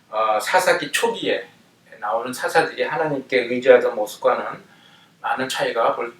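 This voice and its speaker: A man teaching a Bible study lesson in an explanatory way, often pausing with fillers as he explains. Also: medium pitch. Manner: explanatory, with frequent fillers and hesitations. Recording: roomy, distant mic.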